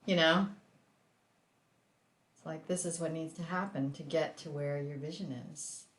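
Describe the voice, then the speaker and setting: Woman, lowish voice, encouraging, roomy echo on the call. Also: fairly even intonation, unhurried, slight background noise. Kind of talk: casual group discussion.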